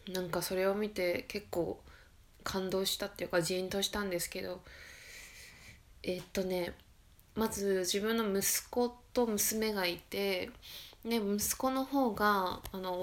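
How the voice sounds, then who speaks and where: It's late at night, and a radio podcast host chats casually on her own show. Her voice is quiet and low-energy, slipping into whispers while she rambles and keeps correcting herself.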